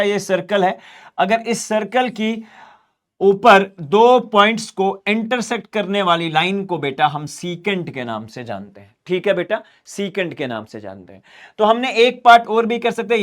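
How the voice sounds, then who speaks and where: A man's voice: sits high, a bit bright. A man with a Kashmiri accent teaching maths in a classroom lecture, calling students "beta" and repeating key terms. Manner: calls students "beta", asks and answers his own questions, repeats key terms.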